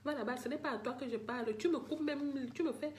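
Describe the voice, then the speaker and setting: A woman's voice: high voice, quick pace, a little hiss or hum. An older woman ranting emotionally to her live-stream viewers, pleading and repeating herself as she talks straight to them. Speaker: livestreamer addressing viewers.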